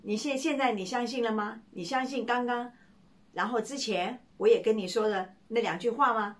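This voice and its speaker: A woman's voice: fairly high pitch, moderate pace, close to an everyday voice. A woman preacher voicing a patient, kindly male pastor who coaxes a young man and keeps beckoning him in. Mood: coaxing. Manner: coaxing, repeats "come, come".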